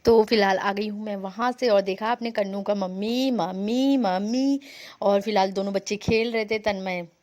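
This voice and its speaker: A woman's voice: medium pitch, little pitch movement, fairly quick, few pauses. A young woman from India narrating her family vlog in a chatty, rambling way, mixing in English words. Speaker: vlogger.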